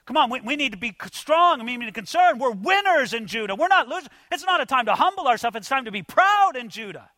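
A man voicing a pompous, coolly dismissive chief priest in a smug, measured tone. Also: very high-pitched, big pitch swings, pushed and bright, dry recording, full character voice. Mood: haughty.

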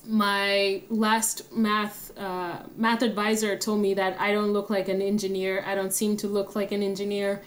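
A young Kenyan woman, the founder of an app, tells her story as a guest in an interview. Her voice sits at a middling pitch for a woman, and she speaks in a friendly, steady manner, laughing easily.

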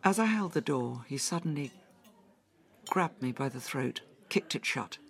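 An actress voicing a traumatized woman recounting a brutal attack, halting and often dropping into whispers, in an audio drama. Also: very deep voice, animated, exaggerated voice. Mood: distressed.

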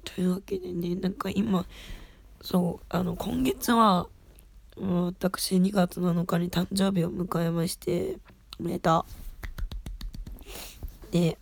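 A woman with a raspy, husky voice, an idol hosting her own radio show, rambling along in casual, self-deprecating solo chat. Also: on the low side, darkish tone, no room sound.

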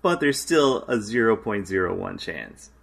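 A man's voice: fairly low pitch, lively intonation, normal speed, creaky. A man co-hosting a podcast, reading trivia aloud in a dry, matter-of-fact way. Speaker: podcast co-host.

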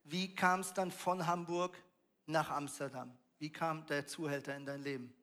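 Higher-voiced man interviewing, bright and forceful. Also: fairly even intonation, unhurried. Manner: affirming, frequent short agreements. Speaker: interviewer at church event. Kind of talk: casual live interview. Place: live church event with audience.

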